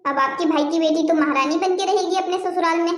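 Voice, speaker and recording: This is a scheming, sharp-tongued aunt from a cartoon family drama, voiced by a woman. Her voice sits very high and cuts like a shrill scold, soaked in greed and grudge. The recording rings with a roomy echo. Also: fast talker. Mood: indignant. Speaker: aunt and mother.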